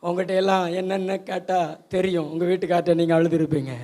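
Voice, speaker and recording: A man's voice: sits high, fairly even intonation, fast talker, mellow. A male pastor preaching a sermon, asking the congregation rhetorical questions.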